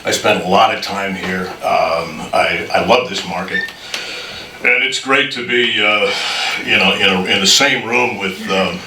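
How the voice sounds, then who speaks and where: Deep-voiced man in an echoey, noisy room. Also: recorded from a distance. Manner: halting, self-deprecating. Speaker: honoree giving acceptance speech. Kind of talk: informal thank-you speech. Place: full room at an induction ceremony.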